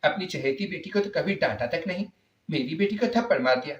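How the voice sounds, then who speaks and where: A man's voice: on the high side, expressive, natural voice. A man voicing a spiteful, scheming middle-aged mother who taunts bitterly in a spoken story. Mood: taunting. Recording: roomy, slightly dull recording.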